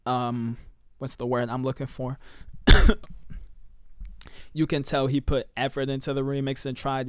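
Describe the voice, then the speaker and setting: A young man talks through tracks in a relaxed, slangy way, trailing off and filling pauses as he weighs each one. His voice sits at an ordinary middle pitch, picked up on a close mic in a dry, dead room. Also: clear, resonant tone, no room sound. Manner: laid-back, slangy, with fillers and trailing off. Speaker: music reviewer. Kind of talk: casual review commentary.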